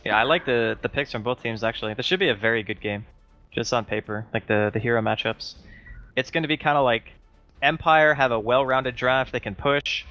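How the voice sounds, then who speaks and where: A male esports caster with a bright, edgy tone talks through the draft in an analytical, chatty way. Faint music plays underneath his voice. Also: medium pitch, a little fast. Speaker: esports commentator. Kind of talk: live game commentary.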